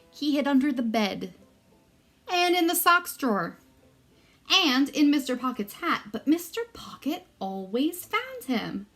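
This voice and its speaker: This woman's voice sits on the high side and sounds a bit bright as she reads a children's story aloud with expressive, deliberately dramatic emphasis aimed at young listeners.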